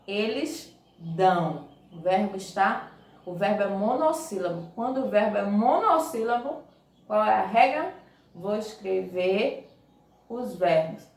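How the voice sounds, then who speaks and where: A woman teaching a grammar lesson to her class, speaking slowly, stressing syllables and asking questions of the students. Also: fairly high pitch. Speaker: Portuguese teacher. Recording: echoey room, distant from mic.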